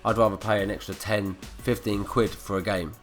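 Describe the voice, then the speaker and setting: A gaming commentator with a lowish voice rants and swears through his gameplay commentary, his nose blocked up from a cold. His tone stays steady and his pace moderate, with faint music playing in the background.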